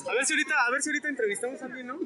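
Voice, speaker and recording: A man's voice: very high voice, racing. A man with a Mexican accent, vlogging casually and joking in slang as he tours an outdoor street market. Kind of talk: casual walking vlog.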